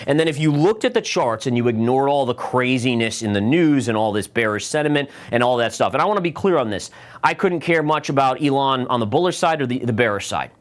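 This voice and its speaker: A man's voice: medium pitch, animated, a little fast. A middle-aged man hosting a live trading show, walking viewers through charts in an explanatory, conversational way. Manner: explanatory, addresses viewers as guys.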